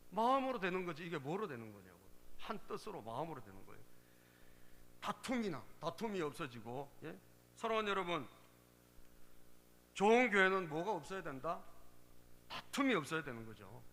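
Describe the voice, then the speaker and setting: A man's voice: a little high, a bit bright, long reverb tail, a little hiss or hum. A male pastor preaching a sermon, emphatic and repeatedly prompting the congregation for a response. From Korea.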